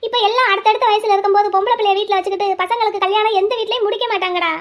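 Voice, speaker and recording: Brief: a woman playing a stern cartoon grandmother over 60, scolding, high-pitched and quick. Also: steady tone. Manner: lecturing, scolding. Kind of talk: Tamil cartoon voice acting.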